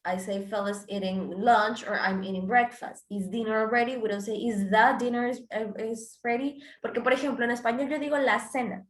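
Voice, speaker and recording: A woman's voice: on the high side, steady tone, moderate pace, few pauses. A woman teaching an English grammar class, explaining step by step and switching between Spanish and English examples. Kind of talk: online class lesson. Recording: roomy echo.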